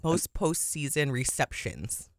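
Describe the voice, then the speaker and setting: A woman co-hosting a sports talk show in casual chat, chatty and quick to laugh, her pitch jumping up when excited. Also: no echo, studio quality. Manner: chatty, laughs often, animated swings in pitch.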